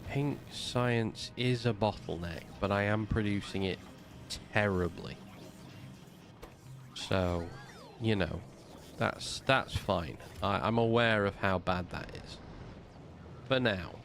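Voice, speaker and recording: A man streaming a game talks slowly through his building plans, muttering to himself as he builds in casual commentary. His voice is fairly low with a fairly bright tone, a little snuffly from a slight cold, over soft background music.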